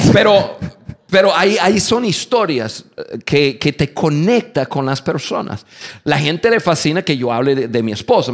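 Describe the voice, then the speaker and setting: A man telling funny personal stories in a talk to an audience, acting out shouts and laughing as he goes. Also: a little high. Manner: animated storyteller, acts out shouts and laughs. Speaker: speaker on communication.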